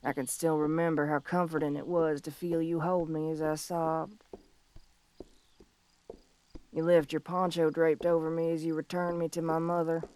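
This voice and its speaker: A woman playing a young, tough but tender tomboy bounty hunter of the Old West in an audio role-play, speaking in a folksy, halting, heartfelt way. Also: low voice, flat delivery, a little mellow, clean tone, no room sound, close to an everyday voice. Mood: wistful, tender. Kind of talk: scripted audio role-play monologue, intimate and slow.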